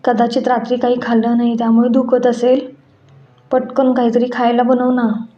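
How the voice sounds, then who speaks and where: A woman playing a caring young husband in an audio story, coaxing and protective. The voice is mellow and even, heard in an echoey room with dull sound and faint music. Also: fairly high pitch, normal speed, natural voice. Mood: concerned. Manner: coaxing, concerned tone.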